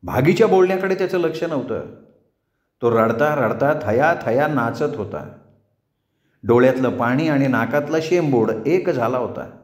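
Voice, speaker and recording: A male storyteller narrating a village tale in a vivid, expressive manner. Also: medium pitch, moderate pace. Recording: roomy echo.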